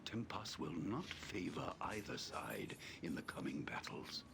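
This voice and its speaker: Ancient raspy seer for a fantasy game, slow gravelly whisper, full of doom. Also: male voice, deep voice, sing-song, background noise, full character voice. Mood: grave, urgent. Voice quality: rasping, breathy half-whisper, gravelly. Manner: slow, solemn, portentous. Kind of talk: fantasy game role-play.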